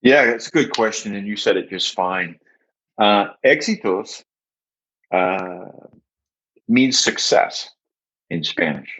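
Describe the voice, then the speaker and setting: An older man, founder of a software agency, answering podcast questions in a measured way with many "uh" pauses, on dull lo-fi audio. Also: fairly low pitch, lively intonation. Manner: measured, with frequent "uh" fillers.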